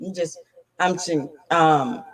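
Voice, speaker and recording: A woman's voice: low-pitched, a little slow, far from the mic. A woman hosting her own channel in a loose, tipsy mood, laughing and breaking into song between casual chat. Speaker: channel host. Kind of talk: casual livestream chat with singing.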